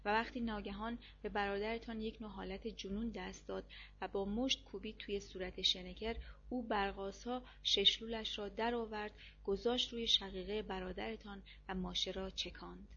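A woman narrating a novel aloud in steady, measured storytelling. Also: medium pitch, highs cut off. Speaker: audiobook narrator. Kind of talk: reading a war novel aloud.

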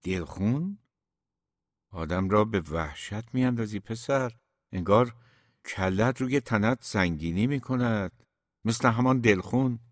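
A man reading an audiobook, voicing a calm, fatherly older uncle who teases gently. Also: on the low side, no room sound, clean studio sound, natural voice.

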